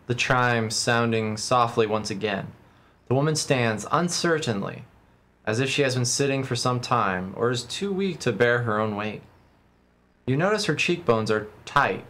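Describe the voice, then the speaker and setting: A man's voice: mid-range voice, fairly bright tone. A man streaming a video game, switching between casual commentary and reading the game's text aloud. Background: game music.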